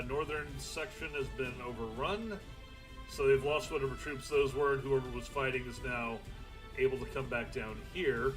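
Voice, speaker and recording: A man's voice: mid-range voice, fairly bright tone. A young man streaming a strategy game, thinking aloud in casual, rambling commentary with the odd swear.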